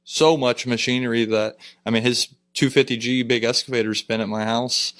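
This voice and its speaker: A man's voice: mid-range voice, moderate pace. Plainspoken man, rambling. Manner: relaxed, plainspoken, rambling with fillers. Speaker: land clearing business owner. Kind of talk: casual interview.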